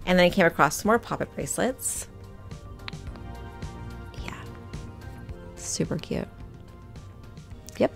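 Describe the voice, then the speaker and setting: A woman vlogger with a lowish, creaky voice chats casually in a shop-with-me voice-over about her shopping finds. She rambles and speaks straight to her viewers.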